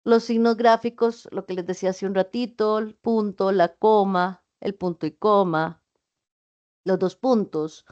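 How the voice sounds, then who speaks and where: Woman teacher, mid pitch, patient explainer, online lecture over dull audio. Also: fairly even intonation, unhurried, darkish tone. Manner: patient, explains with spoken examples.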